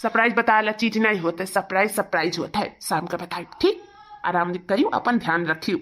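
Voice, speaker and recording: A woman voicing a caring, gently bossy young husband in a cartoon, speaking with a Bhojpuri accent. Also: mid-range voice, a little fast, close to an everyday voice.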